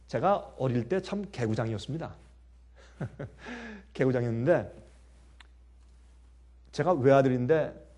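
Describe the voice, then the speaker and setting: A man preaching a sermon, telling stories with lively swings between soft and loud speech and frequent laughter. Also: mid-range voice.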